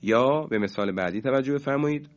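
A man teaching Quran recitation rules in a radio lesson, speaking in a measured way, drawing out key terms slowly and chanting example words louder. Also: mid-range voice, muffled recording.

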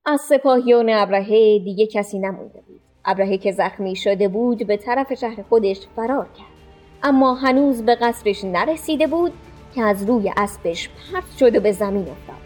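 A woman narrating a storybook with a clear, expressive reading. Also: medium pitch, soft background music.

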